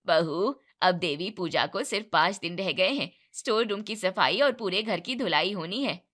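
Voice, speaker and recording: A woman's voice: on the low side, lively intonation, normal speed, a bit bright, voice pushed down. A woman voicing a commanding older mother-in-law who gives orders, in a storybook narration. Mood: bossy.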